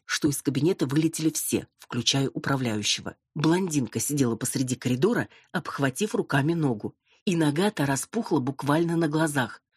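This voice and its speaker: A woman reading an audiobook narration in an even, wry storytelling manner. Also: low voice, breathy edge, no room sound, clean studio sound. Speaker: audiobook reader.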